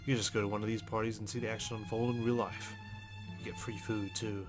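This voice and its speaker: Quick, flat and lowish, a man's voice narrates a visual novel during a let's play in a dry, understated way, with faint music playing behind him.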